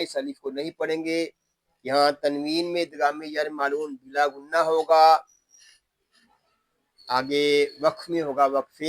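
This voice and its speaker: Slow, patient male tajweed teacher. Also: on the high side, no room sound. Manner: slow, patient explaining, with drawn-out recitation of verses. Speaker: Quran recitation teacher. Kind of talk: tajweed lesson, word by word.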